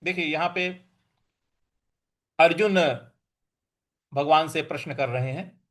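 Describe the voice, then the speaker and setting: A man teaching pronunciation of a Sanskrit verse. He chants each word slowly and then explains the rules quickly. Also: a little high, fairly bright tone. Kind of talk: slow recitation lesson with pronunciation drills.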